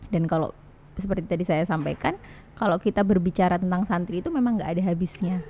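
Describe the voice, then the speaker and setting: Female host, low voice, attentive, dull recording with faint hiss. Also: quick pace. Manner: attentive, with frequent short backchannels. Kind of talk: podcast interview. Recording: dull, slightly noisy studio audio.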